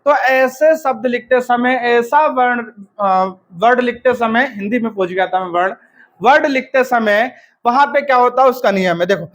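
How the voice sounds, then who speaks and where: Brief: man, has a cold, high voice, exam-prep teacher spelling words out and quizzing himself. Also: normal speed, a bit bright. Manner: drilling by asking and answering his own questions, spelling letter by letter.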